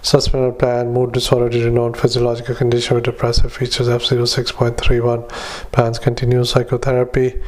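A man who is a doctor, dictating clinical notes into a dictaphone, halting often with drawn-out "uh"s. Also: medium pitch, completely flat delivery, darkish tone. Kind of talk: medical dictation.

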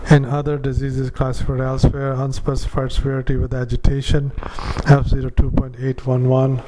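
Male clinician dictating to a recorder; very flat, halting, mid-pitched. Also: very noisy. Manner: halting, with many filler sounds and restarts. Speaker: clinician dictating a patient report. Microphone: handheld dictaphone.

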